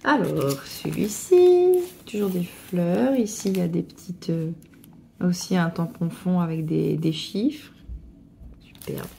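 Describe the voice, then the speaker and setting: A middle-aged woman gushing excitedly as she unboxes a craft parcel, with stumbling restarts. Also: fairly low pitch, a little slow, vocal fry, a little hiss or hum. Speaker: crafting vlogger. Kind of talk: casual unboxing chat.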